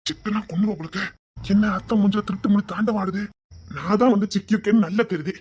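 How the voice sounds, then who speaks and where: A man's voice: fast, heavy background noise. A man with a Tirunelveli Tamil accent performing a comic family sketch, trading teasing banter between relatives. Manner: teasing banter, jumping between high and hushed lines.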